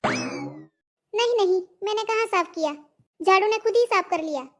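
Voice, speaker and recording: A woman voicing a sharp-tongued young daughter-in-law in a cartoon, sarcastic and talking back. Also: very high voice, measured pace. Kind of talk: cartoon voice acting.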